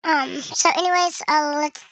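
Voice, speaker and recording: Casual game commentary from a gaming video creator comes through a voice changer, leaving the voice very high, bright and creaky. Dry and close with no echo, it stays steady and unhurried while talking to viewers and musing aloud mid-game, though the highs are cut off.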